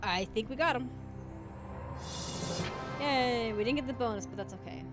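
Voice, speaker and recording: A woman's voice: on the high side, moderate pace. A woman giving casual, chatty commentary as she streams a game. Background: game music.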